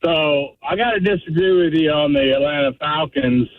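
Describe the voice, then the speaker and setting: A man calling in to a talk show from his car on speakerphone, talking casually with halting starts. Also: fairly high pitch, dry recording. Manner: halting, restarts often. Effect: phone on speaker in a car. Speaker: caller. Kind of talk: casual call-in chat. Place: driving in a car. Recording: tinny speakerphone line.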